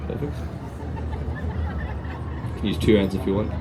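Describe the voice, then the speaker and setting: A man's voice: fairly low pitch, moderate pace. A man with an Australian accent giving a sword swallower's comedic street show patter, cheeky and teasing as he addresses a crowd. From Australia, from Melbourne. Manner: cheeky showman, teasing the audience and volunteer. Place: outdoor city street. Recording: outdoor street noise with traffic.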